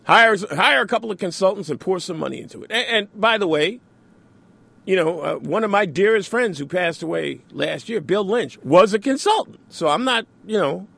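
A man's voice: high-pitched, expressive, normal speed, gravelly, sharp tone, slightly rough, no room sound. A man hosting a radio talk show, delivering an opinionated monologue with sarcastic asides. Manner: sarcastic, mocks opponents in mimicking asides.

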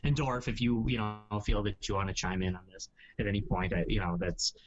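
A man's voice: on the low side, brisk, dull audio. A man hosting a casual podcast chat, talking in rambling, hedging sentences full of asides. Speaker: podcast host.

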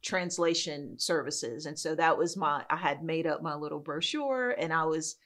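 A woman from New York City, a guest in a casual interview, telling her story in a relaxed, self-deprecating way. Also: deep voice, moderate pace. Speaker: guest, soap business owner.

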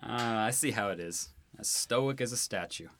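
A man's voice: medium pitch, measured pace, a bit bright, slight background noise, close to an everyday voice. A man voicing a cocky, teasing young prince and husband in a student radio drama.

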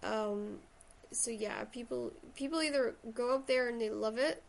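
A woman's voice: fairly high pitch, a little slow, vocal fry. A woman with a Shetland accent chatting casually and enthusiastically about books as a host. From Shetland, Scotland. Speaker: podcast host and writer. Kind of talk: casual book chat.

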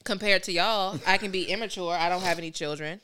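A woman in her late twenties chatting on a podcast, telling candid stories. Her voice is bright and smooth, sitting a little low. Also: fast. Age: 20s. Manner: laughing, candid storytelling. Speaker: podcast co-host. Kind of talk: casual chat.

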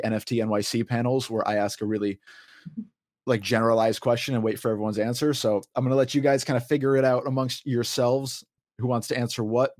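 A man's voice: medium pitch, darkish tone, no room sound. Laid back guy hosting a podcast, kinda joking at himself, mid voice, close dry mic. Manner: easygoing, self-deprecating, many fillers. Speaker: podcast host. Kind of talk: casual panel chat.

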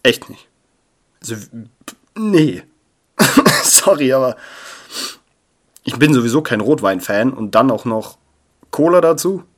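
Young male podcast host, casual and playful, jumps from loud to hushed, close sensitive mic. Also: medium pitch, lively intonation, slow pace, long pauses. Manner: chatty and playful, swings between loud bursts and near-murmurs. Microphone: sensitive close mic that picks up paper rustle.

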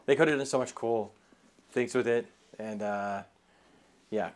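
A man's voice: medium pitch, a little slow, a little hiss or hum. A man co-hosting a casual podcast, blunt and profane, laughing at his own stories. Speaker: podcast co-host. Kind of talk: casual chat.

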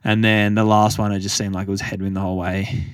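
A young man co-hosting a casual podcast, his voice sitting low. He rambles through a story, full of "like" and "um". The sound is close and dry, with no room around it. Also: level tone, fast, smooth, dry recording. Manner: rambling storytelling with many fillers. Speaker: podcast co-host. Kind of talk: casual chat.

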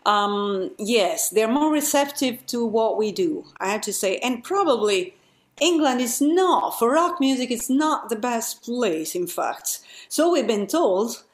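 A woman's voice: fairly high pitch, animated, measured pace, reverberant. A woman musician from Europe, chatting casually as an interview guest and laughing easily.

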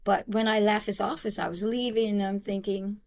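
A middle-aged woman, telling her own story as an interview guest, animated and acting out what others said, laughing often. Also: mid-range voice, fairly quick, creaky. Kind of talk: conversational storytelling.

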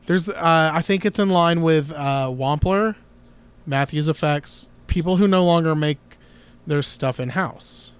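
A man's voice: on the high side, measured pace, clean tone. Rambling, opinionated male podcast host. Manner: rambling, opinionated, lots of restarts. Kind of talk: casual chat.

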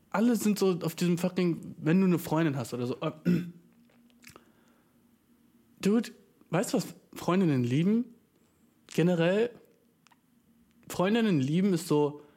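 A young man ranting casually and comically, full of slang and swearing, with English words mixed in and big jumps in pitch for emphasis. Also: dark tone. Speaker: vlogger ranting to camera. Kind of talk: casual comedic rant.

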